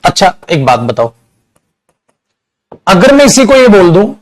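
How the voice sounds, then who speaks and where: In a classroom lecture, a man with an Indian accent teaches English grammar, calling his students "beta," repeating examples and acting out small dialogues. His voice is high and very animated but unhurried, and the recording quality is low.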